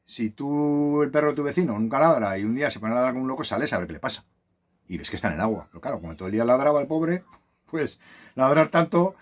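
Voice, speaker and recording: A man who lives on a sailboat tells a casual, rambling story with many restarts, recorded on a phone. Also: medium pitch. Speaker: vlogger living on a sailboat. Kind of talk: casual monologue.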